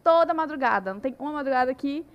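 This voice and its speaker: A young woman telling her story in a casual podcast chat, animated and full of "né" tags. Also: high voice, fast, muffled recording. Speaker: podcast guest.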